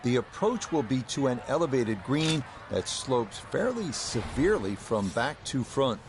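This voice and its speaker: A man playing a composed golf commentator in a video game, measured and informative in his delivery. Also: medium pitch, very animated, noisy background. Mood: composed, approving.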